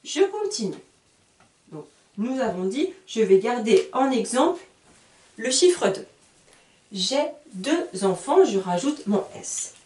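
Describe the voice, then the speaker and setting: A high-voiced woman teaches beginners at a very slow, deliberate pace, spelling words out letter by letter. Her pitch moves a lot as she stresses each example. She sits a little back from the mic in a roomy space. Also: sing-song, darkish tone. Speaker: French teacher. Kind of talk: slow, careful lesson for beginners. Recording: roomy sound, voice a bit far from the mic.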